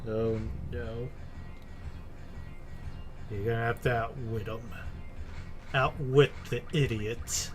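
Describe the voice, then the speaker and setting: Slow-talking man, dry teasing remarks. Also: mid-range voice, steady tone, faint music behind. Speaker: co-commentator. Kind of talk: casual gameplay commentary.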